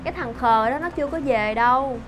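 A woman's voice: high voice, a little fast, noisy background, close to an everyday voice. Woman playing a flirty cheating wife. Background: background music.

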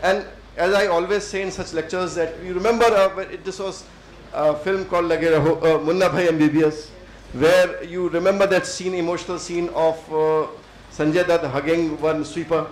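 A middle-aged Indian man with an Indian English accent gives a thoughtful lecture to students, with many fillers and pauses. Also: a little high, fairly even intonation, roomy sound, a little hiss or hum, rough recording. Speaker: civil servant speaker. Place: lecture hall.

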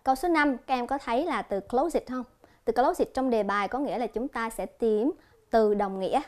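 A female English teacher gives a televised lesson, speaking clearly and deliberately and repeating each example word slowly. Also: on the high side, a little mellow. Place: TV studio.

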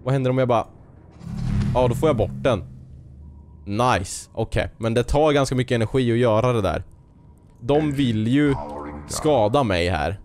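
A gaming video host with a mid-range voice plays through a let's play, excitable and jumpy, bursting into sudden nervous exclamations. He jokes, mutters to himself, and talks back to the game's creatures, leaving long pauses. There's slight background noise.

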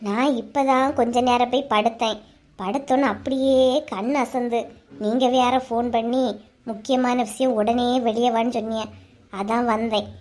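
A woman voicing a scheming village gossip who talks in a hushed, conspiratorial way, with a Kanyakumari Tamil accent, for a cartoon story. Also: fairly even intonation, normal speed, lightly acted. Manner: hushed, conspiratorial, lower than her other voices.

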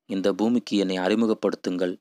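A man's voice: low voice, fairly even intonation, fairly quick, dark tone, no room sound, close to an everyday voice. A man voicing an impassioned idealist who preaches to villagers in poetic, rousing speech.

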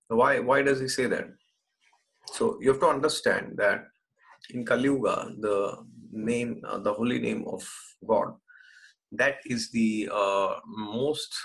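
A man in his thirties teaches to a webcam from a small room, seated at a desk. He explains each term patiently, repeating and rephrasing as he goes, at a mid pitch. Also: fairly bright tone, rough recording. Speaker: spiritual teacher. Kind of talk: spoken lecture to camera. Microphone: webcam framing, seated at desk.

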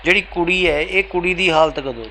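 A male news reporter asks questions in a formal, steady way, with a voice a little higher than most men's. He introduces each family member before talking to them. Faint ambience sits in the background. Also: fairly quick, a little hiss or hum, rough recording. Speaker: reporter, interviewer. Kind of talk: news interview.

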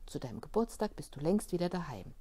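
A woman voicing a caring mother in a storybook reading, reassuring and gently firm. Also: lowish voice, very animated, fast talker, slight background noise. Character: patient, caring mother soothing her son.

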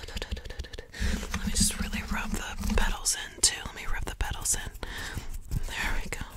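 A young woman doing a whispered role-play as a chaotic friend, in fast, aggressive ASMR with insistent repeated phrases, close to the mic. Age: young adult. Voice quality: breathy, mostly unvoiced whisper. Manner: rapid, insistent repetition of short phrases. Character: chaotic, fussing friend cleansing the listener's energy. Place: small room indoors at home. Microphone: close to the camera mic.

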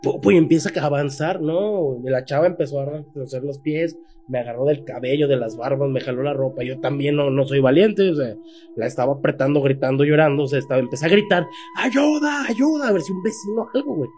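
A man's voice: mid-range voice, fast, warm tone. A man in his thirties with a Mexican Spanish accent, telling a frightening personal story in casual, slangy speech and raising his voice when quoting people. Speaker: guest telling a paranormal story.

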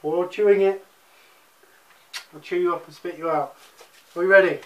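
A man's voice: sits high, steady tone, normal speed, lo-fi sound. Young guy explaining stuff casually, jokey, far from the mic in an echoey living room. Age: 20s. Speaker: challenge host. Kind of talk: casual playful chat. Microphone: camera across the room.

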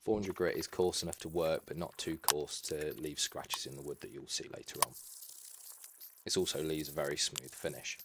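Very deep-voiced man explaining woodwork. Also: normal speed, noisy background. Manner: calm, practical, step-by-step advice. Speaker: woodwork tutorial narrator. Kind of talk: instructional voice-over.

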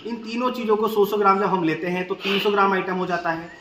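Goat farmer guy in his 30s walking viewers thru a remedy step by step, bit high voice, echoey shed with faint background hum. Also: steady tone, quick pace. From India. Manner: explains step by step, repeats key points, addresses viewers as friends. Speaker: goat farmer and channel host. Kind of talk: instructional farming video. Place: large open-sided goat shed, indoors. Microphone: camera at medium distance, standing to camera.

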